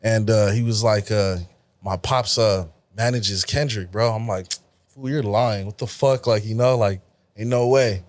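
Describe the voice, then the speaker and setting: A young man from the Los Angeles area, a rapper, telling stories in a relaxed, slangy, profane way in a casual interview. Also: on the low side, unhurried, no echo. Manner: laid-back, slangy, profane storytelling. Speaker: rapper guest.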